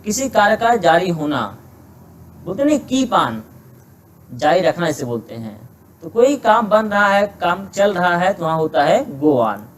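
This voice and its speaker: A man teaching an exam-prep English grammar lesson. He reads English sentences slowly word by word, then explains them in Hindi, often posing rhetorical questions to himself. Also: high-pitched, sing-song, a little hiss or hum, rough recording.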